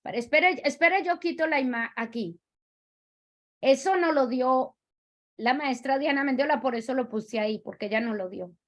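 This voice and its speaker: A woman teaching a religious lesson, explaining step by step and repeating herself to make each point clear. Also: high voice, moderate pace.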